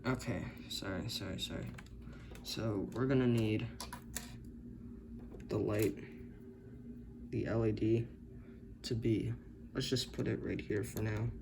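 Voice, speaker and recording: Hesitant hobbyist man, gravelly voice, slow delivery, captured on noisy camera-mic audio. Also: on the low side, fairly even intonation. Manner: hesitant, unsure, many self-corrections. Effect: camera-recorded audio. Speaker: hobbyist building circuits. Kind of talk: thinking-aloud tinkering narration. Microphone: camera's built-in mic.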